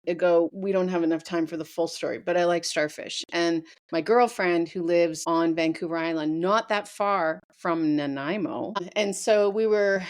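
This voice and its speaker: A woman's voice: lowish voice, moderate pace, few pauses. A woman from Canada, a guest photographer, telling stories in casual chat and acting out her own quotes. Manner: animated storyteller, acts out her own quotes.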